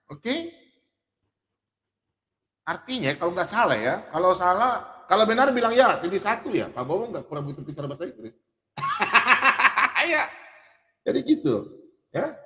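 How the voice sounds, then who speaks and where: A man giving casual online Bible teaching, joking and poking fun at himself, and reading verses slowly and drawn out. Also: high voice. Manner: animated, joking, self-mocking. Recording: echoey room with long reverb.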